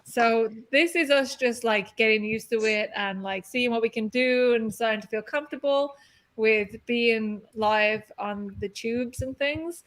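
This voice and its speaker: A woman co-hosting a casual live stream chat, telling stories in a chatty way with quick asides. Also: on the high side. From not from the city where she lives. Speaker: magazine co-founder and live stream host.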